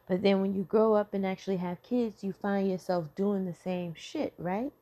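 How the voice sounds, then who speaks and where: A woman's voice: mid-range voice, steady tone, moderate pace, dark tone, lo-fi sound. A woman and mother talking candidly and bluntly about her childhood and parenting, swearing freely in a conversational way. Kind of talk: candid personal talk on self-healing.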